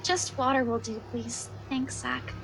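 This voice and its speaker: Casting: tired, apologetic young working woman in a visual novel; high-pitched, hesitant, some noise behind. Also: little pitch movement, gravelly, fairly bright tone, full character voice, poor audio. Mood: subdued, polite. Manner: hesitant, halting. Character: weary, apologetic young female office worker.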